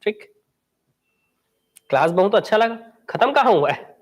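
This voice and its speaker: A high-pitched man runs a live exam-coaching class. He talks in a chatty way, throws quick questions at his students and then answers them himself. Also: very animated, highs cut off. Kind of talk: live online class lecture.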